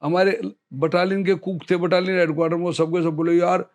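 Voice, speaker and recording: A middle-aged Indian man, an interview guest, tells an old army story in casual conversation. He is an animated, brisk storyteller with a high-pitched voice, slipping into the voices of the people he quotes.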